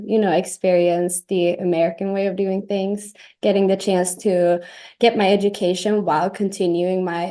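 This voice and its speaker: A young woman from Sweden, a native Swedish speaker, answering as a guest in soft, hesitant speech with fillers. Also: mid-range voice. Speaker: guest athlete.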